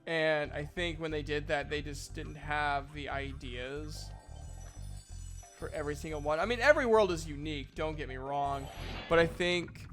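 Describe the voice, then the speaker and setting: A man's voice: on the high side, normal speed, a bit bright. Rambling, jokey young male streamer. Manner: rambling, jokey, lots of fillers. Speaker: streamer and voice actor. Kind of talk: casual gameplay commentary. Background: game music.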